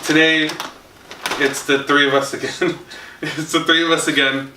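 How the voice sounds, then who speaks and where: A man's voice: a little high, little pitch movement, moderate pace, sharp tone. A young man hosting a casual podcast chat, laid-back and rambling, chuckling often. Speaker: podcast host. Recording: echoey room from far off, faint noise.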